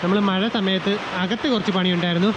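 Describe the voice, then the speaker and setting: Fast-talking man vlogging in pouring rain. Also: high-pitched, fairly even intonation, muffled recording. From Kerala, India. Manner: chatty, talks to his birds and helpers. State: sore throat from talking loudly. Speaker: aviary vlogger. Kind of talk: casual vlog narration. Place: backyard aviary outdoors in heavy rain. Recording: loud rain noise outdoors. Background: rain and birds.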